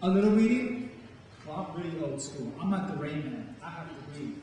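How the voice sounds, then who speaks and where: Speaking with lively intonation at a moderate pace, this middle-aged man's voice sits on the high side as he performs poetry and chats informally with a live crowd. It's a campus event hall, recorded from a distant mic, with echo and a little faint noise.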